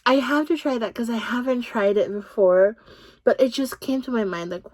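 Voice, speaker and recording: Filipino woman vlogger, warm gushing chatter, leisurely pace, dry recording. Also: medium pitch, no room sound. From Philippines. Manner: chatty, gushing, frequent "like" fillers. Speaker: beauty vlogger. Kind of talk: casual fragrance review.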